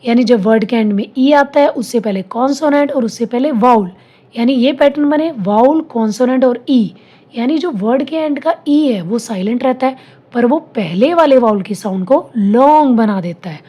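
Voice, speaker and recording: A woman with an Indian accent teaching a phonics lesson in Hindi, sounding out each letter slowly and blending the sounds into words. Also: fairly high pitch, expressive, warm tone.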